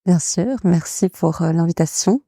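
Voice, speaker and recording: A woman's voice: lowish voice, measured pace, warm tone, dry recording, clean studio sound. A young woman from England who grew up in France, interviewed as director of an association, speaking hesitantly with many fillers. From England, raised in France. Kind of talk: casual interview.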